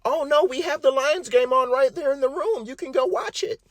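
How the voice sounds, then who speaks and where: A man's voice: very high voice, moderate pace, no echo, clean studio sound, voice pushed up. A man voicing a nervous female nurse who talks in a placating tone.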